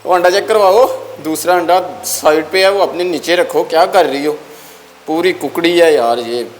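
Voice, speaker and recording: A man's voice: fairly high pitch, normal speed, a little hiss or hum. A man casually chatting to his viewers while tending his pet birds at home, talking to them and coaxing them along. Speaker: bird-keeping vlogger. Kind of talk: casual vlog chat. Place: at home, among bird cages.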